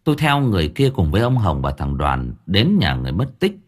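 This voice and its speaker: A man's voice: sits low, huge pitch swings, fairly quick. A man narrating a ghost story as an audiobook narrator in a storytelling manner. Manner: storytelling narration with varied intonation.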